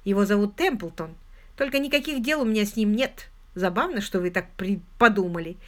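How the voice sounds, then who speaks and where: A woman's voice: mid-range voice, lively intonation, fairly quick, natural voice. A woman doing a cold, hissing schemer. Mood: hostile. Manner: sharp and hissing.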